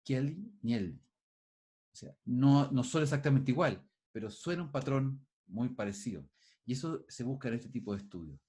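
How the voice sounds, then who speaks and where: A man's voice: medium pitch, lively intonation, brisk, darkish tone. A male teacher giving an online class over a video call, thinking aloud with frequent restarts and putting questions to his students.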